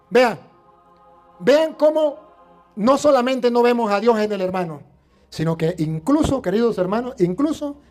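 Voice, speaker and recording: High-voiced Venezuelan preacher man telling a parable. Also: a little mellow. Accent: Venezuelan Spanish. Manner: storytelling preacher acting out voices, questioning the congregation. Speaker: priest. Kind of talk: sermon.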